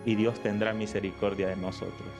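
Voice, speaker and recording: A man with a Honduran Spanish accent preaching a livestreamed sermon, repeating key phrases slowly and with emphasis as he appeals to viewers. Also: lowish voice, flat delivery, music in the background. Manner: slow, emphatic spelling-out and repetition, appealing to viewers.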